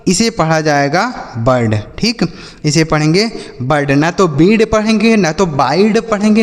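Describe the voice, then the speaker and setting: A man teaching English reading in a classroom style, asking his students questions and drilling each word slowly. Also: high-pitched, long reverb tail. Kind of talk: classroom-style phonics lesson.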